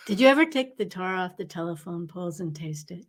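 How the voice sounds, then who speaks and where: A woman's voice: on the low side, expressive, brisk. A middle-aged woman co-hosting a wine podcast, bantering and teasing in a casual chat. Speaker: podcast co-host.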